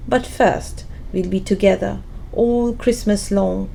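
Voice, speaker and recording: A woman's voice: medium pitch, steady tone, slow pace, vocal fry, dark tone, slight background noise, low-quality recording. A woman playing Fan, an affectionate and eager young sister, speaking earnestly in an audio play.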